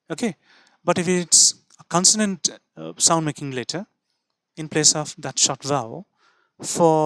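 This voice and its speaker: Male pronunciation teacher, a little high-pitched, dry close sound, slow and repetitive. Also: a bit bright, no room sound. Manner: explains slowly, repeating sounds and spelling out letters. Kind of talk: spoken lesson.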